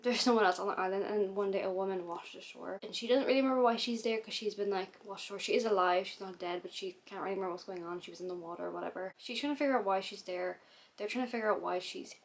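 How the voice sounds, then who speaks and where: Fast-talking woman chatting with hiccups. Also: mid-range voice. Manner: rambling, chatty, loose. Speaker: book vlogger. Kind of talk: casual chat to camera.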